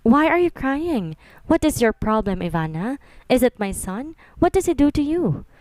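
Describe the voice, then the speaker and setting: A woman's voice: high-pitched, very animated, a little slow, a little mellow, dry recording, voice pushed up. A woman doing a gushing rich mother-in-law. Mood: delighted.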